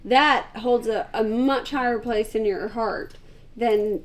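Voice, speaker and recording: A woman's voice: on the high side, steady tone, takes it slowly. A woman in her forties co-hosting a casual chat indoors at home, chatty and teasing. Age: 40s. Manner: chatty, teasing, laughs easily. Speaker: co-host.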